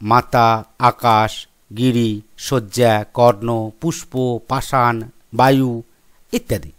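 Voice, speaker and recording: Lively-voiced male teacher listing examples. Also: on the high side. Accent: Bengali. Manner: explains step by step, lists examples slowly. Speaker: school teacher. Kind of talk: classroom lesson.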